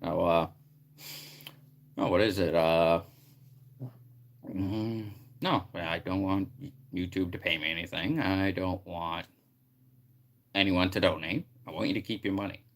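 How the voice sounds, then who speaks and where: Low-pitched male streamer, excitable and rambling, loud greetings to chat. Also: unhurried, long pauses. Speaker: live streamer. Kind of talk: casual live stream chat.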